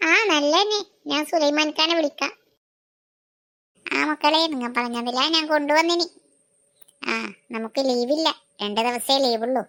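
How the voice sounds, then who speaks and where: A woman performing a comic family skit, switching quickly between scolding, teasing and calling out to children. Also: high voice, fairly bright tone. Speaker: comedy sketch performer.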